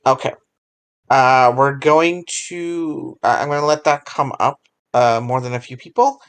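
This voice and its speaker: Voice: medium pitch, fairly even intonation, unhurried, clean tone. A host in casual podcast chat who talks in a chatty, self-interrupting way and reads listener questions aloud.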